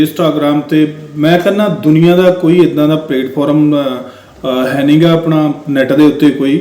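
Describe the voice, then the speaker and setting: A man's voice: fairly high pitch, dark tone, echoey room. A man giving casual commentary on viral videos to his viewers, talking straight to them and repeating his points. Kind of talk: casual Punjabi commentary vlog. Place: indoor room in Bahrain.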